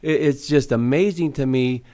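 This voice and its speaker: A man co-hosting a talk radio show, telling stories with halting speech and frequent chuckles. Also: mid-range voice, dark tone. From Florida. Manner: hesitant, many fillers and restarts, chuckles often. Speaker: radio co-host. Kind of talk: casual talk radio chat.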